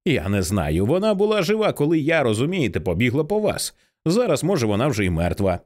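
A man voicing a frightened young woman who speaks in halting, stammering phrases. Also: medium pitch, wildly swooping pitch, darkish tone.

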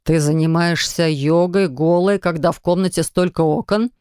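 A woman reading an audiobook, putting on the voice of a stern, domineering husband who speaks coolly and slowly. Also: steady tone, a little mellow, clean tone, no echo, studio quality, lightly acted. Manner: cool, clipped, low and unhurried. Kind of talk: audiobook narration.

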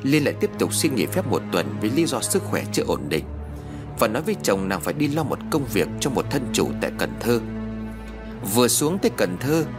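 A man reading a horror story aloud in a measured, expressive scripted narration. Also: mid-range voice, music in the background.

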